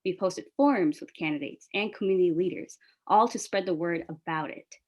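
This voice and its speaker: Moderating an upbeat press call, the New York organizer, a Bangla speaker, talks fairly quickly in a lowish voice. She comes across as enthusiastic, relaxed and warm.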